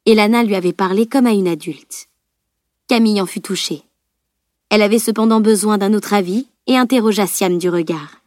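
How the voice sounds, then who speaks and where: A woman reading a fantasy novel aloud as an audiobook narrator, at a steady, measured pace. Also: mid-range voice, no room sound, clean studio sound. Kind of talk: scripted narration.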